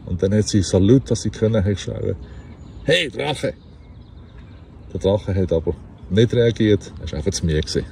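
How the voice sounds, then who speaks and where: A man with a Basel Swiss German accent reading a fairy tale aloud outdoors, relaxed and chatty, with laughs and self-corrections. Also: low-pitched, fast, vocal fry, a little hiss or hum. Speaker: storyteller.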